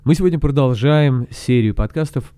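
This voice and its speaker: A man's voice: mid-range voice, moderate pace, mellow, smooth, dry recording. A man hosting a podcast, opening it in a theatrical ringmaster-like manner with conversational delivery. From Russian-speaking, lives in the United States. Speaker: podcast author and host.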